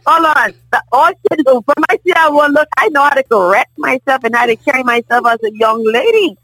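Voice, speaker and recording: A middle-aged woman from the Bahamas with a Bahamian accent, a guest in a casual table conversation, telling stories in a lively way and often asking "you understand?". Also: high voice, fast talker, husky, dry recording, rough recording. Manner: animated storyteller, often asks "you understand?".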